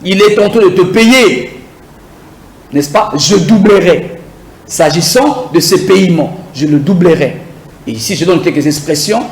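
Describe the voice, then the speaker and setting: A man teaching a beginner English lesson, drilling words slowly and having viewers repeat after him. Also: sits high, lively intonation, roomy sound, rough recording. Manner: slow, repetitive drilling, asks viewers to repeat.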